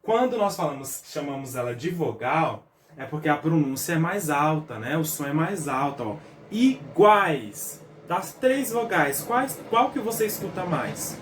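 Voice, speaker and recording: A man with a Brazilian Portuguese accent teaches a recorded review lesson for schoolchildren, his voice sitting a bit high. He explains step by step, spelling things out and checking in with his pupils. The sound is roomy, with the mic some distance from him. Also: expressive, normal speed. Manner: patient, explains step by step with frequent "tá?" check-ins and spelled-out syllables.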